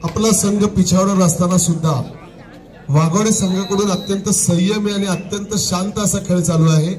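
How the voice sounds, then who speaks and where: High-voiced man announcing over an outdoor loudspeaker. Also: fairly even intonation, background noise. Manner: formal, measured announcing with drawn-out phrases. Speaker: match commentator and announcer. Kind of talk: live sports commentary. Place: outdoor sports ground at night. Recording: echoey loudspeaker over a loud crowd.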